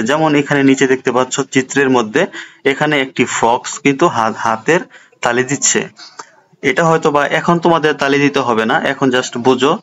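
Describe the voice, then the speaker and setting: A man's voice: medium pitch, fairly bright tone. Patient Bangladeshi man teaching a class. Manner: patient and explanatory, often repeats and rephrases. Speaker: online teacher. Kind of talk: lesson explaining a textbook.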